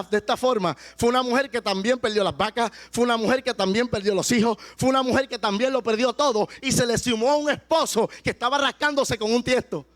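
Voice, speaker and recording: A man preaches with a very high voice, slowing his words and raising them to a shout to drive points home. Faint music plays under his sermon. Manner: impassioned preaching, slows and shouts for emphasis. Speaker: pastor.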